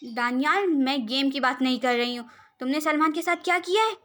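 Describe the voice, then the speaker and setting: A woman's voice: high voice, a little fast, fairly bright tone. A woman voicing a fiery, blunt young woman who scolds and demands answers, in a storybook role reading. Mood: angry.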